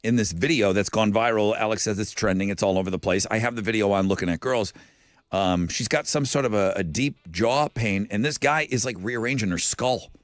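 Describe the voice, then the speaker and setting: A man's voice: fairly low pitch, a little fast, dry recording, clean studio sound. A man hosting a morning radio show in casual, slangy style, chatting and running contest call-ins.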